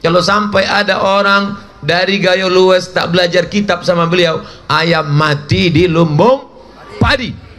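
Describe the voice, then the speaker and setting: A man in his forties preaches a humorous sermon in a high voice with a fairly bright tone. He jokes throughout and acts out little dialogues, shifting his voice for each part.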